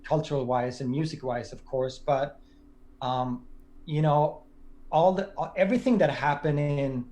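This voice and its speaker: A man in his forties from Sweden, a native Swedish speaker, chatting as a podcast guest. His voice sits a little high, and he speaks reflectively, circling back and restarting his sentences. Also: a little slow, dark tone. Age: 40s. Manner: thoughtful, with many restarts. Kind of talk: casual conversation.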